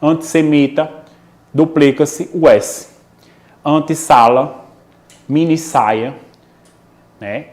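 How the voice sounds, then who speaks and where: A male teacher with a Brazilian Portuguese accent from Pernambuco gives a recorded online lesson. He talks in an explanatory way, often checks in with "né?" and "ok?", and slows down to draw out each example word. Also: on the high side, fairly even intonation, a little mellow. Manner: explanatory, frequent "né?" and "ok?" check-ins, drawn-out example words.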